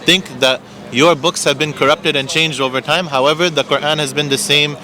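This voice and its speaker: A man's voice: a little high, steady tone, brisk, a crowd in the background. A man in an impromptu religious debate on the street, explaining his points insistently and repeating them. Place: outdoors on an urban street.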